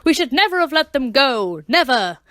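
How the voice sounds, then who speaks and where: Woman doing a raging king, commanding, shouting, slightly high, children's Bible story. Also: very animated, moderate pace, no room sound, studio quality. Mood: furious. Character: furious ancient Egyptian king, man.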